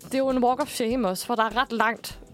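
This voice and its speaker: A young woman in her twenties, co-hosting a podcast and telling a story in a casual, animated way with lots of fillers and laughs. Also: on the high side, faint music behind. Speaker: podcast co-host.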